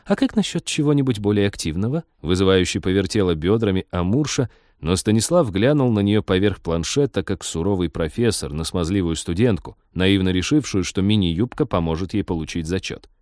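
A man narrating an audiobook with expressive, lively reading. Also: sits low, a little fast, hardly any pauses, dry recording, studio quality. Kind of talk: scripted narration.

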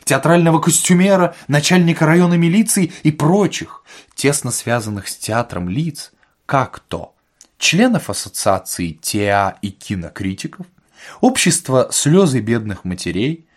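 A man narrating a humorous novel for an audiobook, expressive and lively. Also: medium pitch.

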